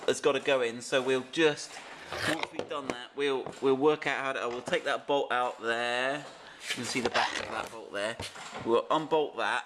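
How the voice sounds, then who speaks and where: A man's voice: mid-range voice, a bit bright, a little hiss or hum. A man casually explaining a car fitting job step by step while directing helpers beside an open engine bay. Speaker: presenter of a car fitting video. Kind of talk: casual hands-on how-to explanation.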